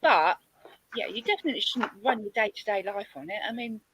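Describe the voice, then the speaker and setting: A woman with a South London accent chats blunt and fast, her pitch leaping around. Her voice is bright and forward. The recording is dry, with no room sound. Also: animated, slightly rough, no echo. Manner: chatty, blunt, swears casually. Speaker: chat participant. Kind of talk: casual group chat.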